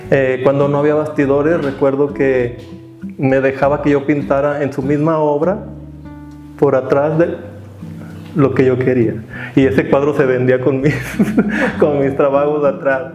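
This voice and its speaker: A man's voice: mid-range voice, darkish tone. A man in his fifties from Mexico, reflectively telling the story of his life as an artist and teacher. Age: 50s. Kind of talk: personal testimony interview. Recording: roomy, slightly dull sound with guitar music behind.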